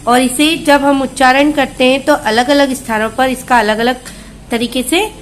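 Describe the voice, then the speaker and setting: A woman's voice: sits high, steady tone, moderate pace, a little hiss or hum. A woman teaching a recorded lesson to small children, patiently asking and answering her own questions and stretching out each word before repeating it. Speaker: kindergarten Hindi teacher.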